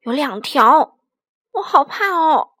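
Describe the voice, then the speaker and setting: Brief: timid frightened little boy, high voice, dry close sound, woman voicing him. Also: lively intonation, takes it slowly, a bit bright, no echo, exaggerated voice. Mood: scared. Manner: timid, stammering.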